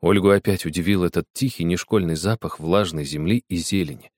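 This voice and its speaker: A man narrating a children's story aloud, expressive and acting out the dialogue. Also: low-pitched, brisk, dry recording, studio quality. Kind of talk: audiobook storytelling.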